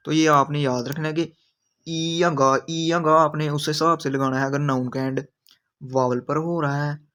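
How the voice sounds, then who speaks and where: A man's voice: medium pitch, fairly bright tone. A man teaching grammar in a video lesson, patiently repeating each example sentence. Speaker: language teacher.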